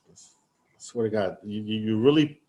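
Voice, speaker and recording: A man's voice: on the low side, moderate pace, mellow. A man co-hosting a casual podcast over a remote call, teasing his partner and laughing a lot. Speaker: podcast co-host. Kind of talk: casual banter. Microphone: headphones, remote call.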